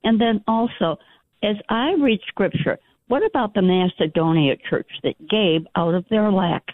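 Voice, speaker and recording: A woman from Illinois with a gravelly voice calls in over the phone, earnest as she quotes scripture and raises her concern. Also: mid-range voice, lively intonation, measured pace, no echo. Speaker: caller. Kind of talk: call-in radio question. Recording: tinny phone line.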